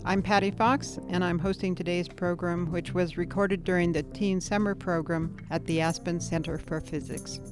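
A woman's voice: on the low side, fairly even intonation, moderate pace, few pauses, soft background music. A woman hosting a radio program, reading a scripted introduction steadily and stopping to check pronunciations. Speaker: radio host.

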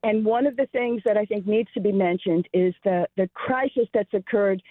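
A woman's voice: mid-range voice, normal speed, no echo. A woman with a New York accent, a realtor calling in to a radio talk show, speaking earnestly and emphatically. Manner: earnest, emphatic, pleading for attention to an issue. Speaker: caller, realtor. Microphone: telephone. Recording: tinny phone line on radio.

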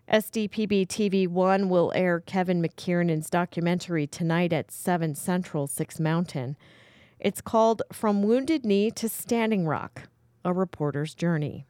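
A woman's voice: fairly low pitch, a little slow, warm tone, clear, resonant tone, no echo, studio quality. An American woman anchoring a radio newscast, reading scripted news items.

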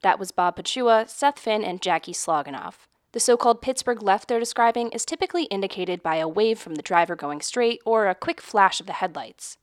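A woman hosts a public radio explainer, reading scripted narration. Her pitch is middling and the recording is dry and close. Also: expressive, a little fast, few pauses, no echo. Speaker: radio reporter and podcast host.

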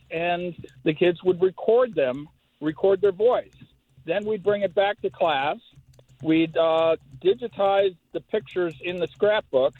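An older man, a retired teacher, calling in over the phone and talking in a slow, halting way with many fillers. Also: on the high side, no room sound. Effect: heard over the phone. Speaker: call-in caller, retired teacher. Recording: tinny phone line.

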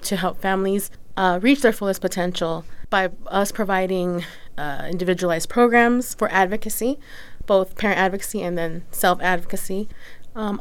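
A woman's voice: fairly low pitch, smooth. A woman giving earnest, methodical explanations as an interview guest. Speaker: nonprofit executive director, interview guest.

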